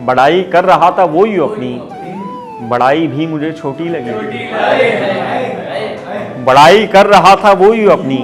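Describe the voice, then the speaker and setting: On an open mic stage in Mumbai, a fairly high-pitched man declaims a ghazal as a musical instrument plays along. He returns to each couplet, lifting the emphasis with every repetition.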